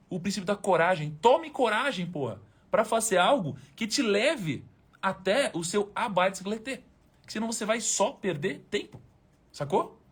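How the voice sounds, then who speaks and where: A man's voice: high-pitched, breathy edge. A man with a Brazilian Portuguese accent hosting a motivational live stream, talking informally and emphatically, with slang and the odd swear word aimed straight at his viewers.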